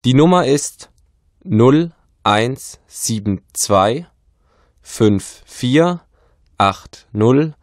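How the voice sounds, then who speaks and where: A man's voice: medium pitch, expressive, no echo. An actor playing a man giving his address and phone number in a scripted textbook dialogue recorded in a studio. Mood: friendly. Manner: very slow, clear speech.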